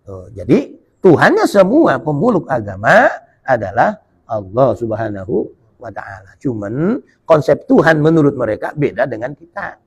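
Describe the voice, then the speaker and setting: Male preacher, husky voice, animated pitch, colloquial and joking, explains Arabic text. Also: normal speed. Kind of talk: humorous sermon. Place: mosque gathering after dawn prayer.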